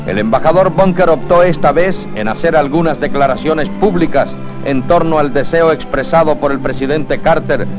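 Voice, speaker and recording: A man reads as an old newsreel narrator, formal and declamatory. His voice sits a little high, on a dull film soundtrack with music clearly behind it. The delivery is solemn and scripted.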